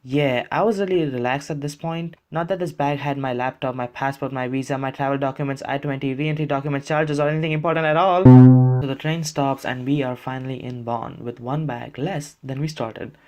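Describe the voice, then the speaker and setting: A male travel vlogger from India tells the story of his own bad day with dry, self-mocking humor. He sounds worn out and exasperated, and his voice keeps a moderate, middling pitch. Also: fairly even intonation, fairly quick, warm tone, faint music behind. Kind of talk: vlog narration and commentary.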